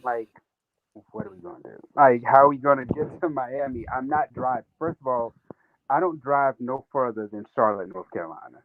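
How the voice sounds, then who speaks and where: A man telling a relaxed, rambling story in casual chat, his voice muffled as if heard through a wall from a covered speaker. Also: medium pitch, a little fast, a little hiss or hum. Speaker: guest telling a travel story.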